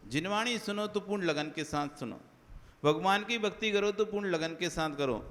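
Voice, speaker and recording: A man's voice: high voice, normal speed, fairly bright tone. A man giving a conversational sermon as a Jain monk, listing examples one after another and asking rhetorical questions. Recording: long hall reverb.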